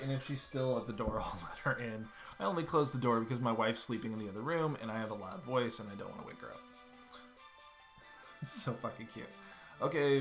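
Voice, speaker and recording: In a room at home, a man in his thirties streams a game with casual let's-play commentary, chatting loosely and swearing now and then as he plays. His voice is mid-range and a bit bright.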